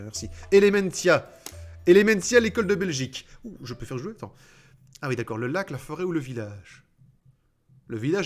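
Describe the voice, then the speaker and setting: A man hosting a let's play, giving casual gaming commentary, sarcastic and joking, swearing and mocking the game text he reads out. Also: medium pitch.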